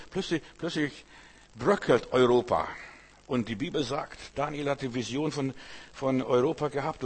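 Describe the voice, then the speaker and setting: A man's voice: mid-range voice, husky. A man preaching a sermon, hammering home short phrases by repeating them. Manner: emphatic repetition of short phrases.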